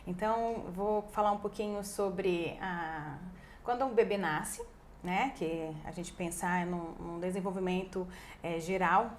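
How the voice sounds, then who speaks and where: A woman with a Brazilian Portuguese accent, a speech therapist guest, explaining in a lively, chatty way and often tagging her sentences with a quick question. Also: lowish voice, slight background noise. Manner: lively, acts out parents' voices, frequent "né". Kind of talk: casual explanatory conversation.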